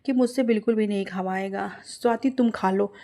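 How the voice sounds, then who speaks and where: A woman voicing a kind, protective older mother-in-law who speaks gently in a cartoon story. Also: medium pitch, fairly even intonation, normal speed, natural voice. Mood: gentle. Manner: gentle, soothing.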